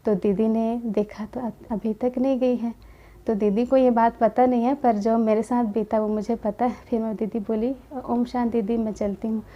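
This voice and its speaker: A young woman giving a gentle personal testimony about her spiritual path, quoting conversations in her own voice. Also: fairly high pitch, highs cut off. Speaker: spiritual community member sharing her experience.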